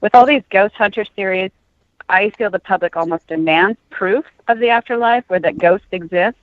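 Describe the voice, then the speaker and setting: A woman's voice: mid-range voice, dry recording. A woman author answering questions as a podcast guest over a narrow, phone-like connection. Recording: tinny narrow phone-like line.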